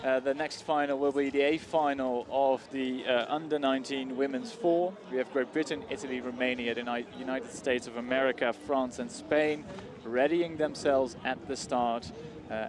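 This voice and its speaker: A man calling a rowing race live as a commentator, with hesitant phrasing full of small pauses. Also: mid-range voice. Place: outdoor regatta commentary spot beside the grandstand. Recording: crowd noise behind. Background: crowd.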